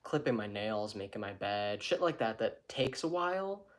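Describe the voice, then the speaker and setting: A man's voice: lowish voice, sing-song, normal speed. A man talking to his channel from his own room in a loose, rambling vlog chat, often restarting and correcting himself. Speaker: YouTuber.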